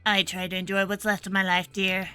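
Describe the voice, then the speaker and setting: A blunt old nun , put on by a woman reader, answers dryly and curtly. She sounds set back from the mic. Her delivery is flat and unbothered. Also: mid-range voice, fairly quick, smooth, faint music behind, lightly acted. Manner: dry and curt. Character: dry, blunt elderly nun.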